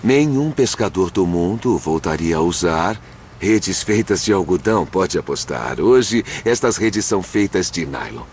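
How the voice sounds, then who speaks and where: A man's voice: low voice, lively intonation, a little slow, slight background noise. A man with a Brazilian accent dubbing an enthusiastic male scientist who explains chemistry conversationally in a documentary interview. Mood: enthusiastic, explanatory. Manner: asks and answers own questions. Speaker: dubbed expert interviewee.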